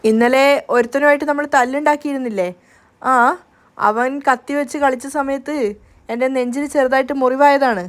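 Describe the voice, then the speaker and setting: A woman voicing a calm young man who gently reassures a worried woman in a storybook recap. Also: high-pitched, fairly quick, close to an everyday voice. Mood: reassuring.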